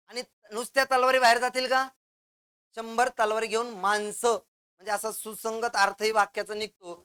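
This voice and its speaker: A male teacher works through a grammar lesson with a smooth, resonant voice. He explains each point step by step with examples, keeps tossing quick questions at the class, and supplies the answers himself. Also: extremely high pitch, pushed and bright.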